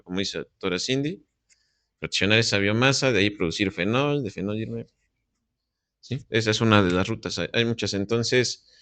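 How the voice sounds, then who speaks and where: A man's voice: on the low side, a bit bright, smooth, no echo. A man professor gives feedback to students and keeps asking them questions to check that they follow. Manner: questioning, constantly asks "¿sí?". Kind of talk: classroom feedback.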